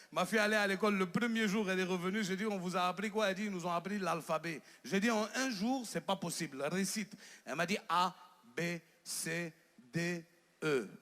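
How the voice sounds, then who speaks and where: A man in his thirties with an Ivorian French accent, doing stand-up comedy on a theater stage and telling stories with animated quoted voices. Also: high-pitched.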